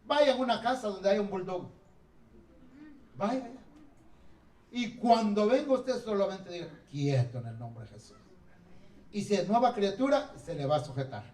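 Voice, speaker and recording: Animated pastor, high voice, echoey hall. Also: male voice, normal speed, long pauses, far from the mic. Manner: animated, acts out quotes and jokes. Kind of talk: sermon. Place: church hall.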